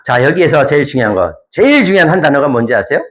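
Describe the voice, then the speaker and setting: A male pastor preaching a sermon to his congregation, swinging from hushed lines to emphatic, near-shouted ones and putting questions to the listeners. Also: a little high, big pitch swings, quick pace, a loud crowd.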